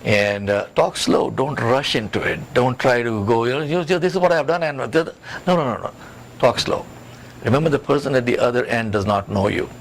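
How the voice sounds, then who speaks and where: A job search expert speaks fairly quickly in a medium-pitched voice with lively intonation, coaching listeners on careers during an interview. He drives his points home by repeating them emphatically, over a clearly noisy background.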